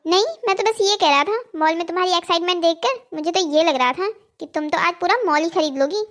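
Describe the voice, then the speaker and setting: A guilty, sneaky husband from a cartoon family drama, played by a woman. The voice sits very high for a man and keeps a pleading, slightly defensive edge. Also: fast talker, fairly bright tone. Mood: coaxing. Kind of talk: Hindi cartoon voice acting.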